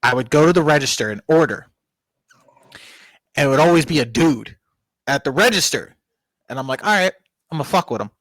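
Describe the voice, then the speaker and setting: A young man co-hosting a podcast, his voice a touch high. He tells loud, profane party stories and laughs often. The sound is dry and close. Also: expressive, brisk, pauses often, no room sound. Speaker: podcast co-host. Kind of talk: casual chat.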